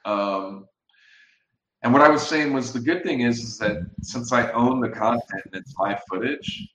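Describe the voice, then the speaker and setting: A man talking as a guest over a video call, casual and halting, often restarting his sentences. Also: mid-range voice, a bit bright, roomy sound, a little hiss or hum, rough recording. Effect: heard over a video call. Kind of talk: casual chat.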